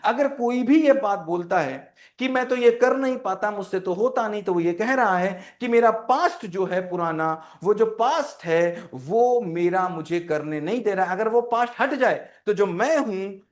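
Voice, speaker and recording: Mentor, male, high voice, emphatic and repetitive, quizzes his students. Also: animated, moderate pace, hardly any pauses. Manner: emphatic, repeats key phrases, asks the class questions. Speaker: mentor teaching teens. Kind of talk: lively spoken lesson to students.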